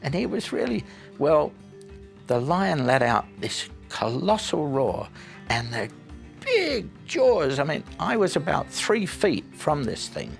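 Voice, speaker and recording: A man's voice: fairly high pitch, huge pitch swings, slow, gravelly, soft background music. A man telling a vivid, dramatic story in an interview. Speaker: cinematographer telling an anecdote.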